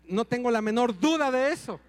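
A middle-aged man preaching a sermon, telling comic stories with sudden shouts. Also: very high voice, animated, fairly quick, long reverb tail. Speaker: pastor.

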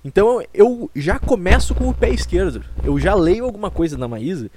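A man's voice: high voice, expressive, moderate pace, mellow, a little hiss or hum. A young man in his twenties from Brazil, hosting a solo comic podcast with a rambling, self-mocking and profane way of talking, close to the mic. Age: 20s. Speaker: podcast host.

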